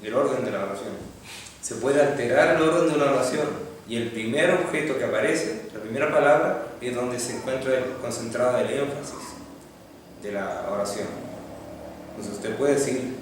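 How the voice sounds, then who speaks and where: A man's voice: mid-range voice, moderate pace. Man teaching in an echoey classroom. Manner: patient, explains step by step with repeated questions to students. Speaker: Hebrew teacher. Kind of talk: classroom lecture. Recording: echoey classroom from far off, faint noise.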